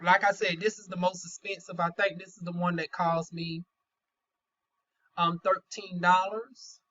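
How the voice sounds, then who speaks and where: A Southern American woman chats casually through a product review in a bright, forward voice. She has trouble pronouncing her R sounds and talks in a candid, folksy way peppered with slang. The recording is slightly dull and lo-fi. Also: on the low side, flat delivery, measured pace. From North Carolina, US South. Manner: folksy, candid, chatty with playful euphemisms and slang. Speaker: beauty vlogger, aesthetician.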